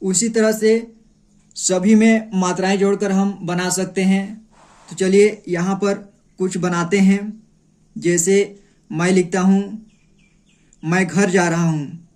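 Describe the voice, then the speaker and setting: A man with a high, level, slightly mellow voice teaches how to read and write Hindi letters in a slow, step-by-step lesson. He goes slowly with long pauses, patiently repeating each sound and syllable aloud.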